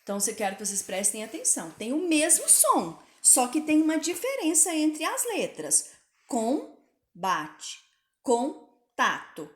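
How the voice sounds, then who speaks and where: Pitched high and swinging hugely in pitch, a woman sounds out Portuguese words slowly for her pupils. The recorded spelling lesson is patient and clear, captured in a room with plenty of echo.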